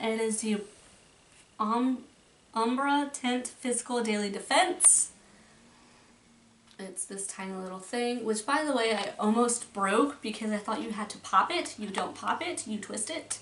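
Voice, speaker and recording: A woman's voice: fairly high pitch, fairly bright tone. A woman talking casually through a makeup declutter, rambling a bit and restarting her thoughts, in her bedroom. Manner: rambling, chatty, trails off and restarts. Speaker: beauty vlogger. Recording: roomy, from a distance, faint noise.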